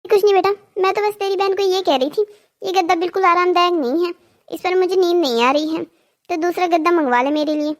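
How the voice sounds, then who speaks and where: Voice actor doing a shrill complaining older mother-in-law. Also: a little fast. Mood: sweetly faking. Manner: fussy, scolding, sharply rising shouts. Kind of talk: cartoon story voice acting.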